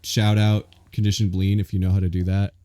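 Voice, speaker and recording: A man's voice: low-pitched, level tone, fairly quick, warm tone. A man hosting a live gaming stream, chatting casually, swearing and reacting to the game as he plays. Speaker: streamer host.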